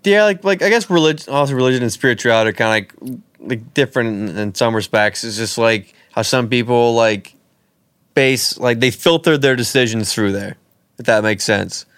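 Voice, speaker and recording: A man's voice: mid-range voice, moderate pace, fairly bright tone, smooth, no room sound, studio quality. A man co-hosting a casual podcast chat, rambling and joking with plenty of swearing. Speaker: podcast co-host.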